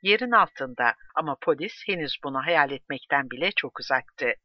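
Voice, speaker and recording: A man narrating a true crime story with a measured, steady delivery. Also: on the high side, no room sound. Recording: dull dry close recording.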